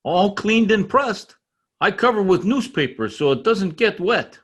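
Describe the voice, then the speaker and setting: Voicing a proud immigrant tradesman prone to excitement, a man performs in an old-time radio comedy with a husky, high voice and a foreign accent. His English is halting and earnest, his mood obliging, and there's a little background noise.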